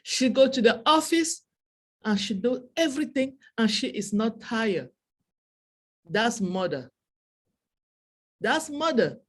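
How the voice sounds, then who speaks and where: A Cameroonian woman, French being her native language, speaks slowly to an online webinar audience, pausing often in a fairly high voice with wide pitch swings and a breathy edge. Her heartfelt speech carries a Cameroonian French accent and leans on repeated phrases for emphasis.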